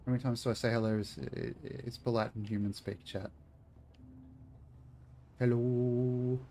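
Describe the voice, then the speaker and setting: A man's voice: on the low side, fairly even intonation, fast talker, a little mellow, slight background noise. A man chatting casually to his viewers while playing a video game, joking and talking to chat. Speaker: streamer. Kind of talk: casual gaming stream chat.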